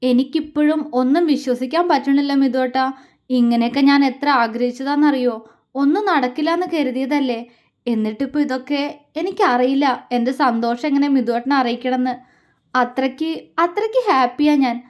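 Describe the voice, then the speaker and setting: A woman's voice: on the high side, moderate pace, close to an everyday voice. A woman storyteller voicing a shy, emotional young bride in a romance story. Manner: bashful, tremulous.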